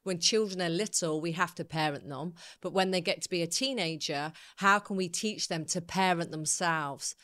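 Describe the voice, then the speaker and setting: A woman's voice: on the low side, normal speed, hardly any pauses. A middle-aged woman coach from the UK, chatting candidly as a guest and acting out the voices in her stories. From United Kingdom. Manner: animated, acts out quoted voices, laughs often. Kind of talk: candid conversational storytelling.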